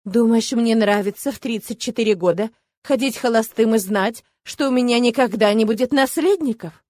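A woman's voice: fairly high pitch, normal speed, darkish tone, no echo, studio quality, close to an everyday voice. A woman voicing a terse, guarded male warrior in his thirties. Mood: defensive. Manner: terse, evasive, getting defensive. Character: 34-year-old male high-ranking warrior, guarded.

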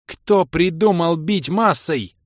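A man reading an audiobook, voicing an indignant young woman player who shouts in outrage. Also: medium pitch, moderate pace, no echo, studio quality, pitched above the performer's own voice, close to an everyday voice. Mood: furious.

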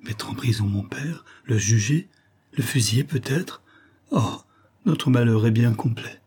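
A man's voice: mid-range voice, a little slow, darkish tone, slightly rough. A man voicing a frightened young woman in an audiobook, urgent and pleading. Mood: distressed. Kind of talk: audiobook character voice.

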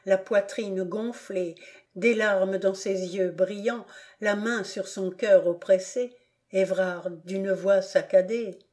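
A woman reading a classic novel aloud as an audiobook narrator, slowly and deliberately. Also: medium pitch, mellow. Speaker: audiobook reader.

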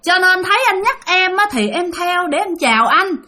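Shrill fanged ghost woman. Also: animated, normal speed, sharp tone, heavily acted. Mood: eerie grateful. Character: vengeful ghost woman turned demon, long fangs, shrill.

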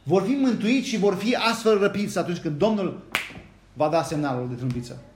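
A man preaching a sermon, reading scripture aloud and often turning to the congregation with a quick rhetorical question. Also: high voice, darkish tone, reverberant, a little hiss or hum. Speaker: pastor. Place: church hall.

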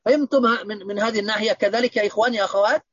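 A man's voice: high voice, very fast, fairly bright tone, husky, no room sound. A man teaching Arabic grammar in an online lesson, quizzing his students with repeated questions. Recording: dull, dry lo-fi audio.

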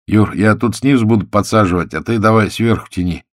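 A man's voice: lowish voice, a little fast, dry recording, voice pushed up, lightly acted. A man playing a dry, ironic rescuer. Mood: wry. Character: cool-headed male rescuer, dryly ironic.

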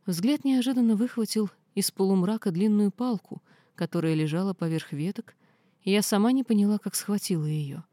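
A woman reading a first-person fantasy novel aloud in steady storytelling. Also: mid-range voice, moderate pace, dry recording, studio quality. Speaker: audiobook reader.

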